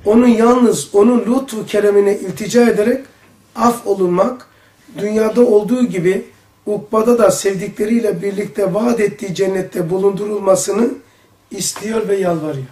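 High-voiced animated male teacher. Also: normal speed. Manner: animated, exclaiming, rhetorical questions. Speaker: religious study teacher. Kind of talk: religious study circle lesson. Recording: echoey room, voice from a distance.

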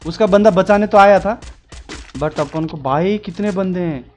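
A man, streaming a game live and calling out moves to his squad in excited bursts. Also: high-pitched, measured pace, soft background music. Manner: excited shouting callouts. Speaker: gamer streamer. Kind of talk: live gameplay squad chat.

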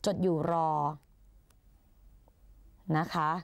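A woman's voice: extremely slow, no echo, studio quality. A young woman tutoring exam English in a chatty, playful way, casting herself as an older sister who coaxes her students along. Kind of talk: Thai exam-prep lesson.

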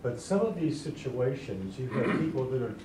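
A man taking part in a church class discussion, deliberate and argumentative, searching for his words. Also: mid-range voice, sing-song, very noisy. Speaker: class member. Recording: echoey room, mic far off.

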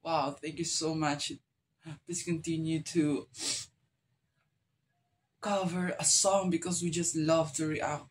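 A man's voice: on the high side, flat delivery, slow pace, pauses often, slight background noise, low-quality recording. Tearful man reacting effusively. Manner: effusive, emotional praise with gasps. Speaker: reaction video host. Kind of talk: reaction video commentary.

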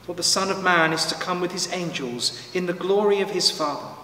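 A man, a priest, reading the gospel in a measured, solemn way, heard from a distance in a big church with a long cathedral echo. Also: high-pitched, sharp tone. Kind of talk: liturgical scripture reading. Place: large church. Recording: long church reverb from far off, faint noise.

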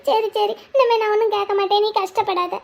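A woman's voice: very high voice, fairly even intonation, brisk, gravelly. A woman voicing a tearful, insecure young wife who speaks in a plaintive, pleading way in an amateur audio drama.

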